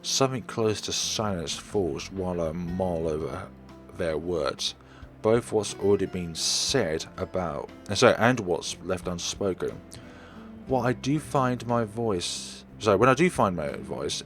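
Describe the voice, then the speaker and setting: With game music in the background, a man narrates a visual novel in a dramatic read-aloud style. His voice sits low and is expressive, and he keeps a measured pace as a let's player.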